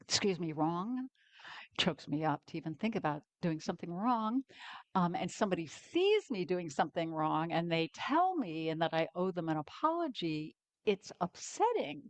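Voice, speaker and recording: An older woman, a guest minister, giving a candid, personal sermon in a slow, pausing way. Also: fairly low pitch, sing-song, no room sound. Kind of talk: conversational sermon.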